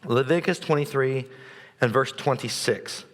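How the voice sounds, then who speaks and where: A man's voice: medium pitch, normal speed. A man preaching a sermon in a loose, chatty way, keyed up and joking, with filler words and restarts. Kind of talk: casual conversational sermon. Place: church sanctuary. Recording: long hall reverb in a church.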